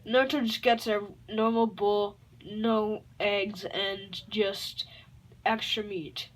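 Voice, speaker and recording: A woman improvising a fan-fiction story aloud, rambling and halting, with many fillers and self-corrections. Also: mid-range voice, steady tone.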